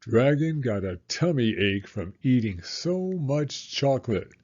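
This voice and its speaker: A man with a mid-range voice reads a storybook aloud to young children, using a deliberate, expressive storytelling style. The audio sounds dull.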